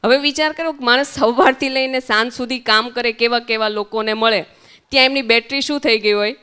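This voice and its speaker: Clear-voiced woman teaching children. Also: on the high side, brisk, sharp tone. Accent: Gujarati. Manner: asks children questions and repeats their answers. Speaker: spiritual teacher at children's summer camp. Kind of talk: interactive lesson with children. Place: centre hall.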